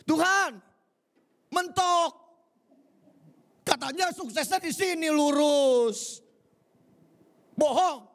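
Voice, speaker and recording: A preacher acting out a whining believer, his voice jumping up high and straining as he pleads that the wall is too big. The voice keeps a gravelly edge under the whine. It is a grown man griping to God in a short sermon skit. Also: drawn-out words, long pauses, a bit bright, exaggerated voice. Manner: pleading, high-pitched complaining.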